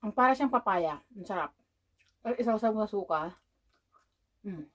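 A Filipino woman speaks casually to her viewers while chewing, her mouth full of fruit. Her voice sits at a middle pitch, and she sounds chatty and quick to giggle as she talks between bites at home. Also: lively intonation. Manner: chatty, giggly, mixes English into Tagalog. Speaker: mukbang vlogger.

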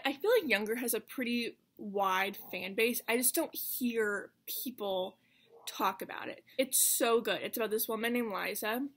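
A young American woman talks casually to her camera in a bright, fairly high voice. She wears retainers, which lightly slur her words. She rambles in an animated, self-mocking way, as in a chatty vlog. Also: husky. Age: 20s. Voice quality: slight slur from wearing retainers. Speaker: vlogger. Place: carpeted bedroom at home.

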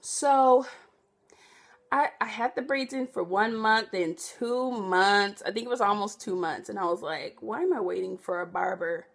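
A young woman vlogging in a casual, rambling way, often correcting herself and filling pauses with "um.". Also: mid-range voice, vocal fry. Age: young adult. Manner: rambling, self-correcting, chatty with many fillers. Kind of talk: casual chat to camera.

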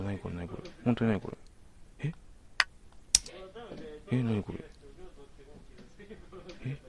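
A man's voice: lowish voice, vocal fry. A man commentating a horror game as he plays, jumpy, alternately exclaiming and muttering to himself. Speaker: let's play commentator.

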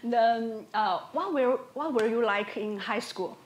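Female interviewer, slightly high voice, casual quick-fire questions, roomy sound with noticeable noise. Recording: echoey room with clear background noise.

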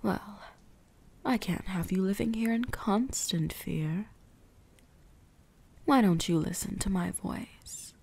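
In an ASMR roleplay, a woman plays a possessive vampire huntress, slowly teasing and commanding her prey with quiet menace. Her whisper is breathy, husky and creaky at the edges, dark and soft at a medium pitch, in a fully committed character voice.

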